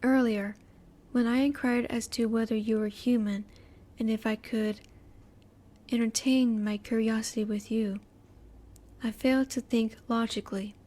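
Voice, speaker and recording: A woman voicing a curious, reserved female alien scientist in a roleplay audio, speaking politely in formal, measured, halting phrases. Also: on the high side, fairly even intonation, dark tone. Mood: apologetic, formal. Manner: formal, measured, precise wording with halting pauses. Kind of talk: scripted roleplay audio, spoken intimately to the listener.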